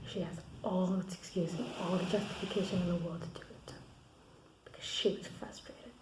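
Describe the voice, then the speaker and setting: A woman recording a candid video diary alone in her room at night, venting and swearing about a hard day, often dropping to a hushed, half-whispered voice. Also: fairly low pitch, fairly even intonation, moderate pace, reverberant, heavy background noise. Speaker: vlogger.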